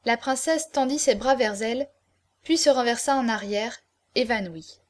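A woman narrating a dramatic novel aloud in an expressive, measured way. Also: fairly high pitch.

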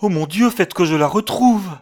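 A man voicing a frantic gentleman desperately searching for his lost fiancée, crying out in desperate bursts in an audiobook. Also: high voice, expressive, normal speed, no room sound, studio quality, pitched above the performer's own voice.

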